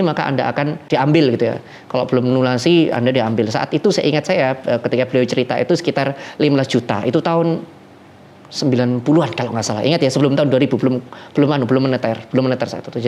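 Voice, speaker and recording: Fast-talking preacher. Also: male voice, medium pitch. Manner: lively storyteller who acts out the people in his tale. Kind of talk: storytelling sermon.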